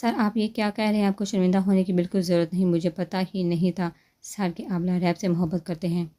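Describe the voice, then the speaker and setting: A courteous, charming young man from a romance novel, read aloud by a woman. The voice is low-pitched and mellow, soft and polite, in a storybook style. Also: flat delivery, lightly acted. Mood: respectful. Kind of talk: storybook reading.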